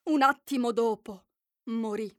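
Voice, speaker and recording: Bright, high-voiced woman storyteller. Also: a little slow, dry recording, studio quality. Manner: expressive, varied storytelling with voiced characters. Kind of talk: reading a fairy tale aloud.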